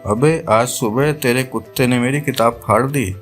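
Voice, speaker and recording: Guy reading a deadpan joke buddy, everyday talk, faint music under it. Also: medium pitch, moderate pace, close to an everyday voice. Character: Santa, joking everyman friend, adult man. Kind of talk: read-aloud joke dialogue.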